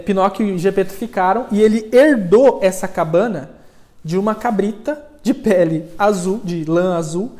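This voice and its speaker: A man, a psychologist, retelling a story in a live class, speaking the characters' lines in a livelier, higher voice. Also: mellow. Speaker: psychologist and lecturer. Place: cold room in a lecture setting.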